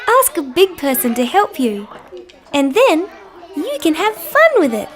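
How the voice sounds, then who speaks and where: A woman voicing a cheerful young female dinosaur who gently presents to small children in a slow, sing-song, wonder-filled way. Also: extremely high pitch, very animated, exaggerated voice. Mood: playful, gentle. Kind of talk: children's show scripted narration.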